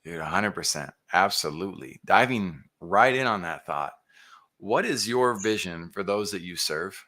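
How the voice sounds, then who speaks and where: A man's voice: deep voice, lively intonation, moderate pace, pushed and bright. A man hosting a podcast interview, enthusiastic and encouraging in a casual way. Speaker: podcast host.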